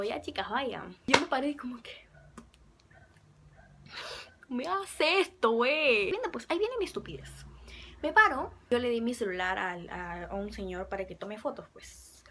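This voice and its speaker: A young woman casually telling a fan story to camera, chatty and excitable, sometimes dropping to a whisper. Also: a little high, noisy background. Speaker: fan vlogger.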